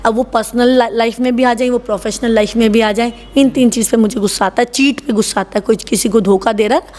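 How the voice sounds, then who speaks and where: Blunt, high-voiced Haryanvi woman. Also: fairly even intonation, fast, darkish tone. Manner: blunt, rough and tough, emphatic, often says "bhai". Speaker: salon owner, interview guest. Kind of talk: casual interview talk.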